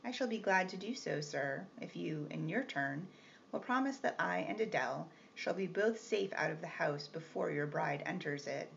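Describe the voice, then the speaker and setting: A woman's voice: on the low side, lively intonation, normal speed, vocal fry. Woman reading as a firm, polite young governess. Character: young governess, plain-spoken and composed. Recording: slightly muffled with faint hiss.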